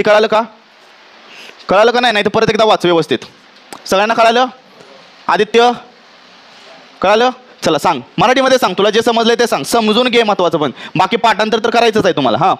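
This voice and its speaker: In a classroom lecture, a man with a Marathi accent teaches physics, often checking whether students understand and slowly dictating definitions. His voice is high-pitched with a fairly bright tone.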